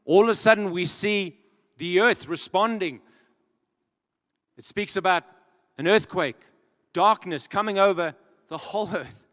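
A young man delivers an unhurried sermon from a large church stage, handheld mic in hand. His slightly high voice swings dramatically from loud, emphatic peaks down to low, quiet lines. The hall's long reverb trails behind his words.

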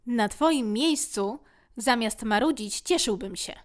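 A woman's voice: a little high, animated, slow. A woman voicing a boastful young boy who wants to seem brave and grown-up. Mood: cocky. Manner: cocky, eager.

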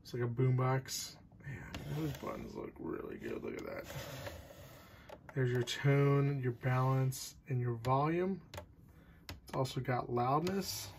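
Recorded on a phone camera, a man with a gravelly, medium-pitched voice casually demos an item for sale at an indoor table. He's very animated yet takes his time, chatting loosely, trailing off and restarting sentences. Radio and tape music play amid the background noise.

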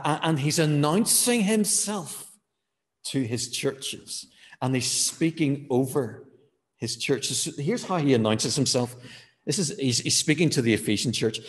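A man preaching a sermon in a church, measured, with frequent fillers, slowing down to stress key words. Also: medium pitch, long reverb tail.

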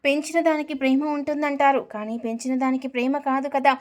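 A woman's voice: sits high, little pitch movement, fairly quick, natural voice. A woman reading the brooding inner monologue of a bitter, resentful young wife.

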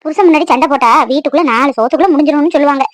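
A woman's voice: high-pitched, rapid-fire, no room sound, lightly acted. A woman voicing a grumbling old village woman in a cartoon, lamenting and scolding young wives about the old days. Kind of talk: cartoon voice acting.

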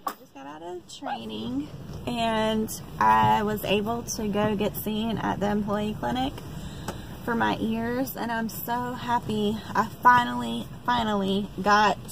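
A woman's voice: fairly high pitch, fairly even intonation, a little slow, vocal fry. A young woman chatting to her phone camera while driving, upbeat and rambling with lots of fillers. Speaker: vlogger. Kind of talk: casual chat to camera. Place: inside a car on the road. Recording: loud car road noise.

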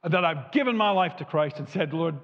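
An older man preaching in a church, his fairly high voice carried on a long hall reverb. He moves animatedly between loud, emphatic peaks and soft, quiet asides, and the recording sounds a little dull and muffled. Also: lively intonation, brisk. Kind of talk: sermon. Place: church hall with a lit tree behind a lectern.

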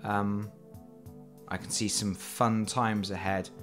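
He has a low, level, slightly bright voice and takes things slowly, with soft background music underneath. As host of a board game channel, he unboxes a game at an indoor table while talking over his hands, despite having a cold. The talk is chatty and self-deprecating, with fillers throughout.

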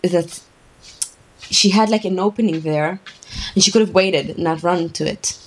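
A woman's voice: fairly low pitch, normal speed, low-quality recording. A young woman in casual reaction chat, informal and repeating words for emphasis as she talks. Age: young adult. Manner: informal, emphatic repetition, filler "like". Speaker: reaction video co-host. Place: small room at home, indoors. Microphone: shared microphone on a boom arm in front.

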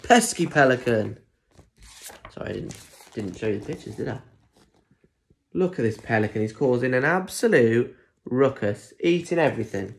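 A young British man reads a children's picture book with lots of expression, pausing for asides that speak straight to his listeners, like a primary school story reader. His voice is medium-pitched, animated and creaky at a normal pace. He's recorded on a phone or tablet held at arm's length in a small room at home, with slight background noise.

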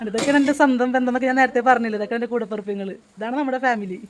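A woman's voice: a little high, steady tone, rapid-fire, very noisy. Chatty woman with a Thrissur accent. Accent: Thrissur Malayalam. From Kerala. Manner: chatty, coaxing, affectionate with elders. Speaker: vlogger. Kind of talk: casual vlog chat. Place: old age home.

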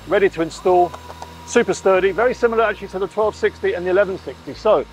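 The audio is poor, carrying a little hiss or hum, as a high-voiced man in his forties gives an enthusiastic, emphatic walk-through to camera. He's a vlog host with a clip-on lapel mic, repeating phrases while touring a boat under construction and a large boatyard shed.

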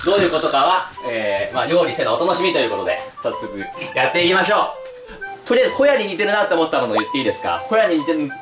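A young man with a Kansai accent, trading blunt, teasing retorts in casual cooking-challenge banter. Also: a little high. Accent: Kansai Japanese. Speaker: YouTuber. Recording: roomy room with background music.

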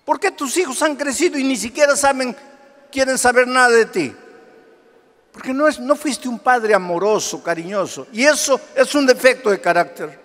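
A man pastor preaching a sermon, firing off rhetorical questions and swinging between hushed asides and loud exclamations. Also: on the high side, long reverb tail.

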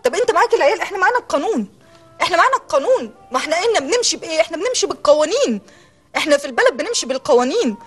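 A woman's voice: very high voice, sing-song, rapid-fire, soft background music. An Egyptian woman crying as she makes a desperate plea on a talk show, repeating herself between sobs. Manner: desperate, repeats her words, breaks off in sobs. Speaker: mother pleading for her children. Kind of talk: tearful televised plea.

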